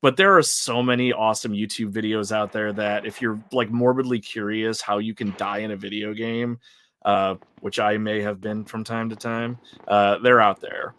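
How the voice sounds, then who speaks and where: A man streams gameplay with loose, wandering commentary, chatting with his viewers and laughing often. His voice sits on the lower side and is a touch bright, with fairly level intonation at a moderate pace.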